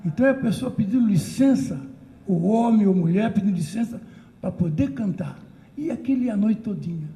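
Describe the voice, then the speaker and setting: An older Brazilian woman telling an animated, emotional story of remembered traditions at a community talk circle. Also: mid-range voice, fairly quick. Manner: animated, emotional, breaks into chanted calls. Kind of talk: storytelling recollection. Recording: roomy echo.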